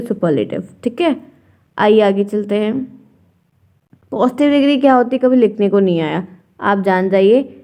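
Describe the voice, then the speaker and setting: A young woman teaching an exam-prep grammar lesson, talking slowly and patiently with a tired, strained throat and frequent check-ins with her viewers. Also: mid-range voice, dark tone.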